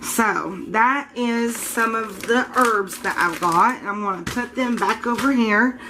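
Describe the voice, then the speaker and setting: A home soap maker films a casual show-and-tell vlog in her kitchen, chatting informally, sounding a bit unsure and correcting herself as she goes. Her voice is congested and scratchy, fairly high in pitch, and slow.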